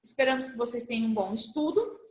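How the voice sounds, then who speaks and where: A high-pitched woman teaches young pupils, patiently spelling out letter pairs one at a time in a recorded class review lesson. She talks fast in a roomy, echoing school space with background noise.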